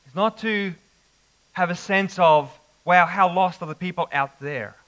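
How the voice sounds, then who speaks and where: A man preaching an expository sermon, slow and emphatic with dramatic pauses. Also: sits high, a bit bright, poor audio.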